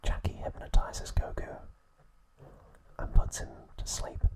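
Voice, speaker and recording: A man delivers a scripted ASMR recap in a breathy whisper with no voiced sound at all, pacing his phrases slowly and deliberately.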